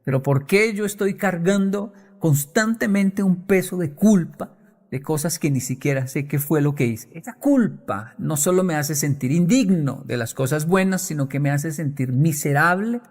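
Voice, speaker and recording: A man speaks on stage to an audience in a fairly high voice, emphatic and lively. He gives a motivational talk and now and then acts out the voices of the people he quotes. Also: moderate pace.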